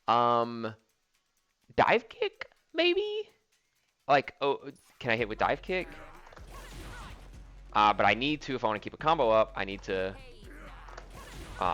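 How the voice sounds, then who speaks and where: Reviewing footage of a fighting game match he played, a young man talks it through casually, his thoughts spilling out with lots of "um" and "like." He has a mid-range voice with a sharp tone.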